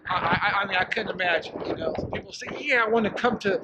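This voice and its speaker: Slangy American man, high-pitched, noisy recording. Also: fast. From the United States. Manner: slangy, sweary, informal. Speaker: travel vlogger. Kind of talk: casual rambling vlog talk to viewers. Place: outdoors at a hilltop memorial, later inside a cave.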